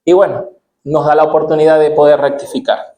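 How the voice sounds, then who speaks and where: A man's voice: fairly high pitch, flat delivery, fairly quick, warm tone. Man sharing a parenting story. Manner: conversational, storytelling with quoted dialogue. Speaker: church couple guest. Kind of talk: testimony on parenting.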